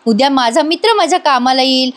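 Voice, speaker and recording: A woman's voice: sits high, fast, natural voice. A woman voicing a nervous young man who pleads and hurries to leave in a recap of a TV serial.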